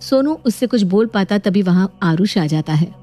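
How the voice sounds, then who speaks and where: A woman narrating a cartoon bedtime story in a steady storytelling manner. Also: medium pitch, normal speed, soft background music.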